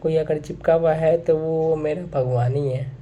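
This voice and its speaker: A man's voice: a little high, steady tone, measured pace, highs cut off, a little hiss or hum. A young man talking straight to his viewers in a casual monologue, earnest and repeating his points, with English phrases mixed in. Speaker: vlogger.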